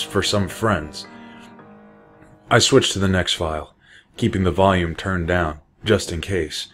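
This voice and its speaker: Guy with a really low voice reading a creepy story slow and steady, music going underneath. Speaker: horror story narrator. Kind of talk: scripted horror narration. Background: music playing under the voice.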